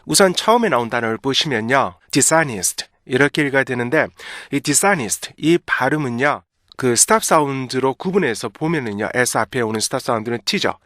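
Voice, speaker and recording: A man teaching English pronunciation. He explains patiently, repeats words slowly and checks in with his listeners. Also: mid-range voice, animated, fairly bright tone, dry recording, clean studio sound. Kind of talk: pronunciation lesson.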